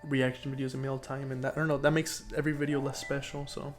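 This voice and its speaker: Over faint background music, a young podcast co-host and YouTuber chats casually at a fast clip. His medium-pitched voice barely moves in pitch, and his talk wanders, full of fillers and false starts.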